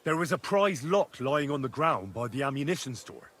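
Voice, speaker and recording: A man's voice: mid-range voice, big pitch swings, normal speed, a bit bright. An actor playing a young man laying out evidence at a trial in a video game, earnest and matter-of-fact. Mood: accusing. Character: young man accuser, investigator presenting evidence.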